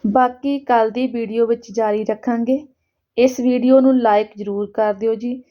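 A woman storyteller reading a scripted story in a measured, deliberate way. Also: fairly high pitch, steady tone, highs cut off.

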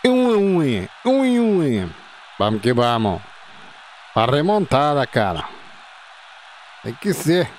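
A man, playing a football video game and reacting excitedly, shouting and repeating words. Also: fairly high pitch, takes it slowly, pauses often, a little hiss or hum. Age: 50s.

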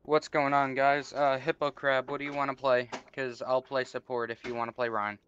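A man's voice: medium pitch, little pitch movement, moderate pace, fairly bright tone, highs cut off, a little hiss or hum. A man talking in casual game voice chat as a teammate, blunt and profane, arguing about team picks.

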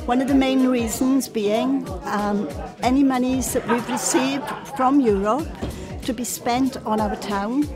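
Slow-speaking older South Wales Valleys woman. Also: high-pitched. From Ebbw Vale, South Wales. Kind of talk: vox pop statement to camera. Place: large club hall, indoors. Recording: music behind the voice.

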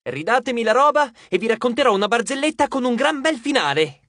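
A hot-tempered young demigod who shouts his threats, put on by a man reading an audiobook. His voice climbs high and loud. The recording stays close and dry. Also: very animated, brisk, no room sound, heavily acted. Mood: angry. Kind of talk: audiobook character voice.

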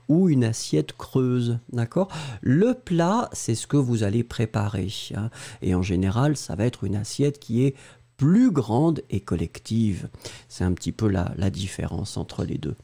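A man's voice: mid-range voice, vocal fry, warm tone. A man teaching in a live stream, patiently spelling words letter by letter and answering viewers' questions by name. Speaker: French teacher. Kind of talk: live-streamed language lesson.

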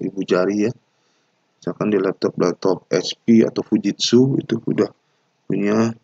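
Gravelly, husky man giving a lecture. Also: fairly low pitch, a little mellow, dry recording, lo-fi sound. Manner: unhurried explaining with frequent "ya" tags and hesitations. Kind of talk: recorded university lecture.

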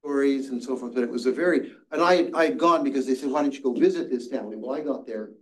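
This older man talks fast in a mid-range voice as he teaches a Sabbath school Bible study, earnestly telling a story and often restarting his words. The recording picks him up from a distance in an echoey church classroom with a seated audience.

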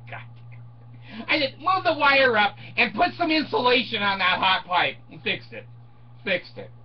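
A man's voice: high-pitched, slightly rough. An older man telling a story in a casual, sarcastic rant at home, laughing often as he talks. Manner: laughs often, animated and sarcastic, mimics others. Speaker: vlogger. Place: small room at home, indoors. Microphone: webcam in front of him. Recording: dull distant webcam sound with faint hiss.

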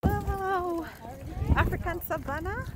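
A woman's voice: extremely high pitch, takes it slowly. A woman in her forties, chatty and repeating herself as she vlogs a zoo visit, filmed on a phone at arm's length on a windy day. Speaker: vlogger. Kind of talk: casual vlog. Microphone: phone held at arm's length. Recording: wind noise on a phone mic.

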